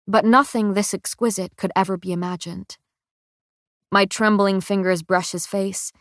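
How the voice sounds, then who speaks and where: A woman's voice: mid-range voice, a bit bright, dry recording. Woman narrating an audiobook, dry and close. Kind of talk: first-person audiobook narration.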